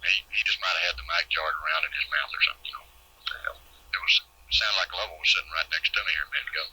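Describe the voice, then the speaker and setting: Very sharp, husky man on intercom. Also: rumbling low, fairly even intonation, rapid-fire, poor audio. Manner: casual, clipped technical banter. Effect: intercom radio. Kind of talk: informal control-room intercom chatter.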